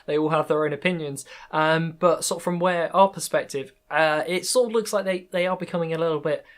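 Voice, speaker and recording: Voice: medium pitch, fairly quick. A podcast host in casual conversation, talking hesitantly with many fillers and restarts and laughing often.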